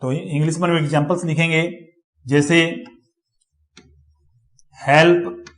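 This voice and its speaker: Man, classroom lecture, repeats example words, slightly high voice. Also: fairly even intonation, unhurried. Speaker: teacher.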